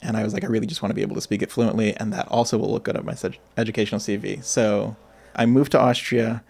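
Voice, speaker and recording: A man in his thirties, a guest artist in a casual interview, telling his life story in a reflective, animated way. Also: on the low side, quick pace, gravelly, slightly rough. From grew up in Asia and Michigan.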